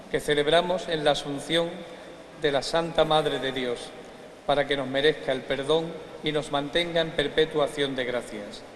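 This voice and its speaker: Priest with a cathedral echo. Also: male voice, fairly high pitch. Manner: slow, measured, reverent phrasing. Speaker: priest celebrating Mass. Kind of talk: solemn liturgical recitation. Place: large church. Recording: echoey church with long reverb, faint hiss.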